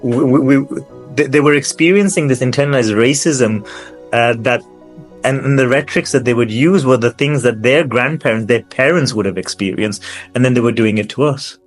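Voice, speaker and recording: A middle-aged man, born in Pakistan and raised in the UK, hosting an interview in a casual, halting way with many restarts. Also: mid-range voice, soft background music. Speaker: podcast host. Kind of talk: conversational interview.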